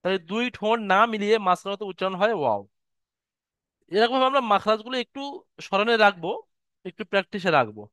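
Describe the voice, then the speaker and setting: A man teaching an online lesson on Arabic letter pronunciation, patiently repeating each sound slowly. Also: high-pitched, sing-song, fairly bright tone, clean tone, dry recording. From West Bengal, India. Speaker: Quran recitation teacher. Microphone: video call.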